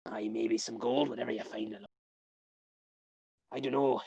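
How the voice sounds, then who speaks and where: A man voicing a gruff, scheming male pirate captain in a strained, gravelly voice over an online call. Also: fairly high pitch, brisk, fairly bright tone, lo-fi sound. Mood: recruiting. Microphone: online call mic.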